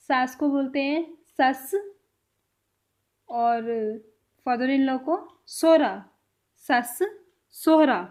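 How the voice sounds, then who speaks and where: A woman with a high voice teaches vocabulary, pronouncing each word and then saying it again. She is a language teacher, and her voice fades softly as each phrase ends.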